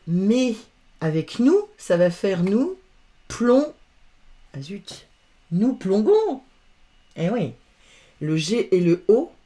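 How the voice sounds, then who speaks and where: A woman's voice: medium pitch, warm tone. A woman teaching verb conjugation in a patient, careful lesson, spelling out letters and sounds one by one. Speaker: French grammar teacher. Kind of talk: slow, careful grammar lesson.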